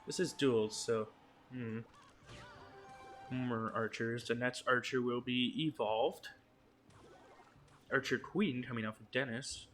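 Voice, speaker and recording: A man giving quick, excitable play-by-play commentary on an esports match, with jokey asides. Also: mid-range voice, soft background music. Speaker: esports caster.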